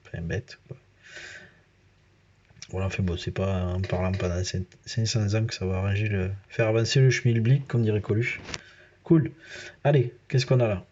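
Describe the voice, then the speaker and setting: A man with a southern French accent chats through a let's-play, talking straight to his viewers and padding his talk with fillers. His voice sits at an ordinary middle pitch. The recording sounds a little dull and lo-fi. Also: a little mellow. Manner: chatty, talks straight to viewers with many fillers. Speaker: gaming YouTuber. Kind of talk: casual let's-play commentary.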